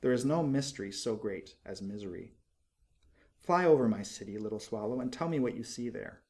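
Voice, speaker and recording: A man voicing a gentle, sorrowful statue of a prince from a storybook, speaking in a tender, solemn and measured way. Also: lowish voice, lively intonation. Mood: solemn, compassionate.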